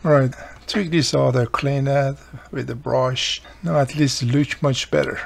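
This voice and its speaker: A man with a gravelly, mid-range voice narrates a radio repair at an indoor workbench, speaking at a measured pace with fairly even intonation. As host, he drops short, casual remarks while he works. The recording is noisy, with room noise in the background.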